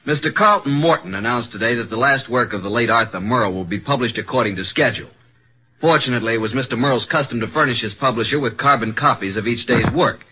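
An actor playing a brash, earnest detective's assistant in an old radio mystery drama. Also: male voice, mid-range voice, fast talker, a little hiss or hum, lightly acted. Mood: agitated, indignant. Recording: dull old radio recording.

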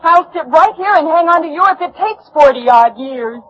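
A woman's voice: sits high, animated, normal speed. An actress playing an earnest, stubborn young woman who longs for the stage, pleading and insistent in 1940s radio style. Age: young adult. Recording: muffled old radio recording.

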